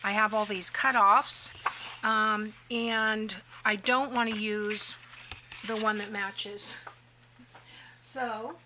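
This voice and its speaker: A woman's voice: mid-range voice, steady tone, slow pace, pauses often, bright, forceful tone, slight background noise, poor audio. A woman talks casually through a crafting tutorial and tells rambling stories in a chatty way. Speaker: crafting vlogger.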